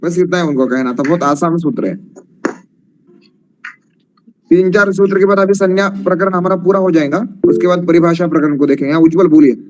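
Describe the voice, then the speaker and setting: A man teaching an online Sanskrit class, patiently explaining grammar rules and slowly chanting verses with long drawn-out vowels. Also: sits high, fairly even intonation, a little hiss or hum.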